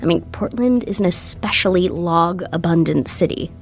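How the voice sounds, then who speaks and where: A woman's voice: fairly low pitch, normal speed, soft background music. A woman hosting a podcast, reading scripted narration in a wry, matter-of-fact way. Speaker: host.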